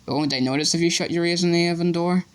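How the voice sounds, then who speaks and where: A reader voicing a polite, nervous teenage boy wizard who speaks in a hushed, anxious way. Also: mid-range voice, steady tone, fast, clean tone, pitched above the performer's own voice, lightly acted.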